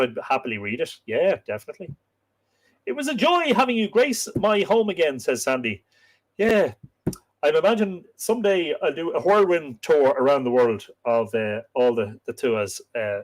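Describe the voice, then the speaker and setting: On a low-quality recording, a man with an animated, mid-range voice and moderate pace tells myths on his casual live stream. He has an Irish accent and a lilting storyteller's style, and responds to viewer comments as host.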